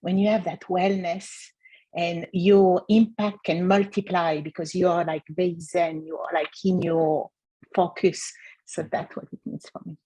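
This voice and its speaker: A woman speaks on a panel with a husky, fairly low voice. She talks earnestly but haltingly, often pausing on fillers. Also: level tone, warm tone, rough recording. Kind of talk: panel discussion.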